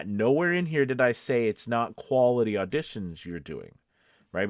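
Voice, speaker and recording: This voice-over coach and casting professional has a voice on the low side, captured dry and at studio quality. Talking to camera in a relaxed, instructional way, he offers conversational tips and says key points more than once to drive them home.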